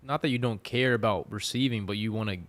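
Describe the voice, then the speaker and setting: A man's voice: lowish voice, steady tone, fast talker. A man talking earnestly about faith and relationships in casual chat, rambling with many fillers. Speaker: podcast guest.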